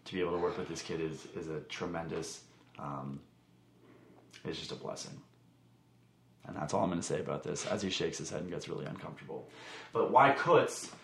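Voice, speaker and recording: A young man, a camp song leader, telling his story in an animated, emphatic way. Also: sits low, brisk, gravelly, pauses often, roomy sound, slight background noise, poor audio. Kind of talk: casual interview talk.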